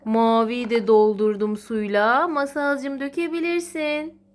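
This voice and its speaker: A mother narrates educational play to her small child in an encouraging, sing-song way, repeating praise. Her voice is a little high and level in tone, and she speaks slowly. The home recording is clearly noisy, with clicks.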